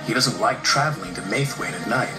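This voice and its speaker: A man narrating a children's story with expressive, animated delivery. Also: lowish voice, brisk. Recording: roomy echo with music behind.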